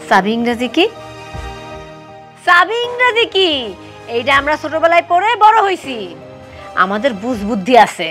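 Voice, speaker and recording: An actress playing an indignant young second wife who scolds sharply and sarcastically. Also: female voice, sits high, very animated, fairly quick, faint music behind. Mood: furious. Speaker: young wife of an older man. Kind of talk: television drama acting.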